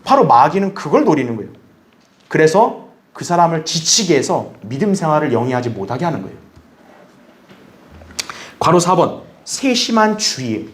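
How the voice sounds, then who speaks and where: A man pastor teaching a Bible study, animated, asking the congregation questions and acting out what others might say. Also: a little high, normal speed, long pauses. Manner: animated, acts out others' remarks in a raised voice; asks the audience questions. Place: church hall.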